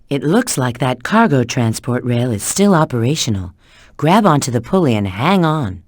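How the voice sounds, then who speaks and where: A confident female field agent from a video game briefs an ally with short, instructive tips, her lively pitch jumping around in an exaggerated delivery. It's tutorial and mission dialogue, recorded dry with no room sound.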